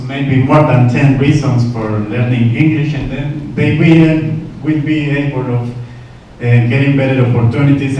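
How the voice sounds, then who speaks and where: A man, an English teacher giving a halting prepared presentation. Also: medium pitch, warm tone, slight background noise. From Nicaragua. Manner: halting, searching for words. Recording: echoey room, far from mic.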